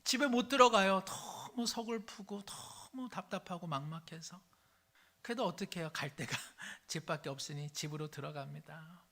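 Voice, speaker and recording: A pastor preaching a sermon in a church sanctuary. He tells everyday stories in a lively way and acts out each character as he goes. The pace and loudness rise and fall with the story. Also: sits high, moderate pace.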